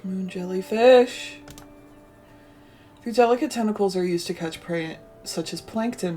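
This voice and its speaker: A woman's voice: on the low side, vocal fry, mellow. A woman streaming a cozy game playthrough, reading the on-screen text aloud and gushing with delight over what she finds. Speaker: let's play streamer.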